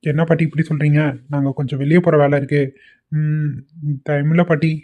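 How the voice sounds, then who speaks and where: A man's voice: a little high, flat delivery, fairly quick, no room sound, natural voice. A man voicing a caring young husband and son-in-law in a cartoon, concerned and coaxing. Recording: tinny, dry phone-like audio.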